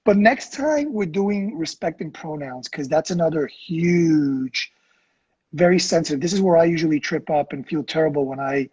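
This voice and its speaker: A middle-aged man co-hosting a casual conversation, chatty, expressive and self-deprecating. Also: on the high side, moderate pace, husky, lo-fi sound. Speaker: co-host.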